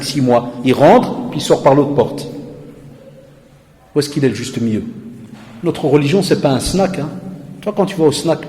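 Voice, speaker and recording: A man giving a lively, conversational sermon full of acted-out dialogue. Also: medium pitch, in a large hall. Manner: animated, conversational, dialogue-acting. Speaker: preacher, lecturer.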